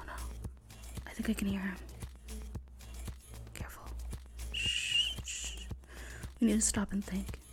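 A young woman voicing a panicked sorority sister hiding from a killer, talking in hushed, frantic whispers and swearing often. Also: fairly high pitch, exaggerated voice. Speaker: voice actor in an audio roleplay. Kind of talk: one-sided audio roleplay.

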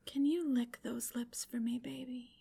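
Woman whispering slow and commanding, breathy with a bit of gravel. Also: a little high, fairly even intonation, warm tone. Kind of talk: whispered ASMR roleplay.

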